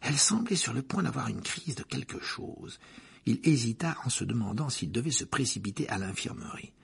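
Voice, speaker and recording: A man narrating an audiobook in a measured, even storytelling manner. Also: medium pitch, gravelly, slightly rough. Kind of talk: scripted narration.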